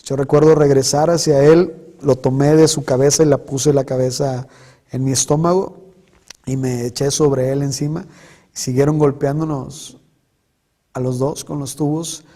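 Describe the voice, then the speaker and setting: Earnest man with a mellow voice. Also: mid-range voice, level tone, unhurried. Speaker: testimony speaker. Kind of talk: personal testimony.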